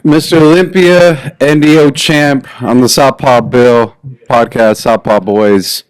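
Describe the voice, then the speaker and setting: A man's voice: medium pitch, steady tone, takes it slowly, clear, resonant tone, no echo. A man hosting a podcast and asking a guest friendly, easygoing questions. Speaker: podcast host. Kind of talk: casual podcast interview.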